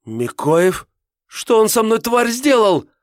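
A man voicing a frightened, fierce captive woman who shouts and pleads in a high, strained voice. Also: moderate pace, no echo, clean studio sound, lightly acted. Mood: hysterical.

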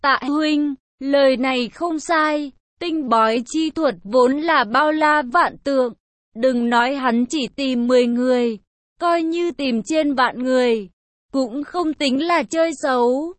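A woman reading the lines of a calm, composed young male cultivator in an audiobook. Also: high voice, measured pace, no echo. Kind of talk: audiobook narration.

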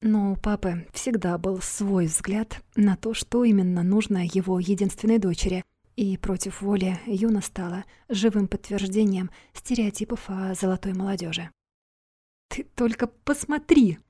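A woman reads a novel aloud in a wry, confiding way, with a breathy and mellow voice. The recording is dry and close, with no room sound around her. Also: medium pitch, steady tone, moderate pace, no room sound. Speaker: audiobook narrator. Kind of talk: scripted narration.

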